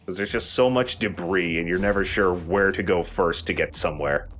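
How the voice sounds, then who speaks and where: A man with a low, slightly bright voice hosts a let's play at a moderate pace. He gives casual commentary, explaining the game's mechanics as he plays.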